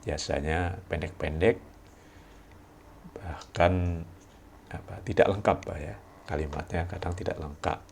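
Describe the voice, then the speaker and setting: A man giving a recorded university lecture, explaining slowly with frequent tag words and pausing to read examples aloud. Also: sits low, fairly even intonation, vocal fry, darkish tone, slight background noise. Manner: explains slowly with many "ya" tags and reads examples aloud with deliberate pauses.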